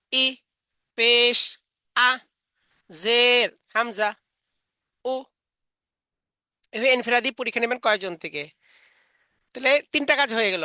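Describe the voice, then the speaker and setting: A woman training Quran teachers, explaining classroom drills step by step and modeling the vowel sounds slowly. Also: fairly high pitch, pushed and bright, dry recording. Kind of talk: instructional lecture.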